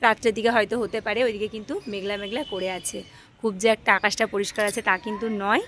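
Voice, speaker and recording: A woman's voice: mid-range voice, fairly even intonation, quick pace, a bit bright, slight background noise. A woman chatting casually to her viewers in a home family vlog, coaxing her small children along the way. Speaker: mother and family vlogger. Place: at home, bedroom then rooftop.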